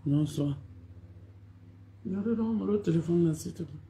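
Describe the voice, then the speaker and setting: A woman's voice: lowish voice, normal speed, warm tone, slight background noise. A woman talks on a phone live stream, greeting her followers over and over and scolding them for not showing up. She sounds repetitive and reproachful. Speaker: online video personality hosting a live stream.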